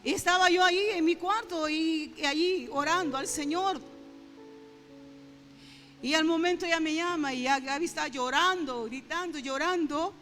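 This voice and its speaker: With a very high, slightly bright voice at normal speed, a middle-aged woman preaches to her church congregation, speaking straight to them in an earnest, conversational way. Her emotion carries her into fervent prayer, while faint instrumental music plays in the echoing hall.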